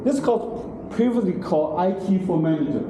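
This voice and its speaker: This university lecture comes from a middle-aged man speaking broken English at a moderate pace, his voice sitting high and animated. He checks in frequently with "okay?" and "right?", and the distant room camera leaves the large classroom very echoey and noisy.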